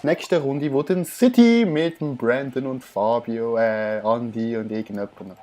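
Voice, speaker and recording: Playful young Swiss German gamer. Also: male voice, mid-range voice, normal speed, dark tone. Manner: playful, whiny, teasing. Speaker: let's play host. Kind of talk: casual gameplay chat.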